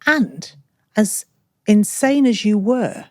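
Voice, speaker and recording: A woman's voice: mid-range voice, animated, dry recording. Woman podcast co-host, frank and reflective, dry close sound. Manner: frank, reflective, speaks in short measured phrases. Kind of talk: candid personal conversation.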